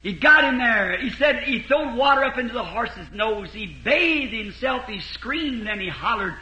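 A man's voice: extremely high pitch, expressive, unhurried, pushed and bright, highs cut off. A man preaching a sermon, retelling a story in a folksy, rambling way with lots of repeated "he said". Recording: roomy echo.

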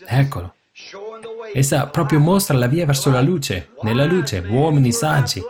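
A man preaching a sermon with fervor, building to excited exclamations. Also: medium pitch. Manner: fervent, rising to excited exclamations. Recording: live congregation audible behind. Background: congregation.

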